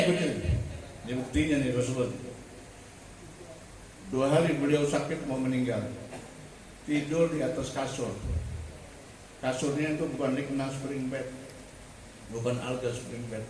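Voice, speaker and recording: A man preaching a humorous sermon in a mosque, bantering with the congregation and swinging from loud fervor to hushed storytelling. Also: mid-range voice. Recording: echoey mosque, distant mic, noisy.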